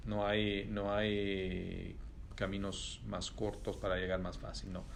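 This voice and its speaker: A middle-aged man, speaking Spanish as an in an interview as a company executive, thoughtful and pausing often with fillers. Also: low-pitched, level tone, vocal fry, a little hiss or hum. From Italy. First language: Italian. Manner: thoughtful, pauses with many fillers and restarts. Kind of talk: reflective interview answers.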